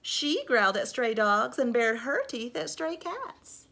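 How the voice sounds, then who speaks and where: A woman teacher reading a storybook aloud to young children, expressive and emphatic, speaking to them directly. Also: fairly high pitch, a little slow, vocal fry.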